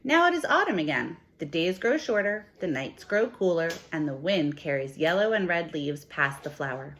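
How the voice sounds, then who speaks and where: Lower-voiced woman teacher reading to children. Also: sing-song, moderate pace, a bit bright. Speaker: teacher reading a picture book aloud. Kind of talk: expressive storybook read-aloud for children, with teacher talk.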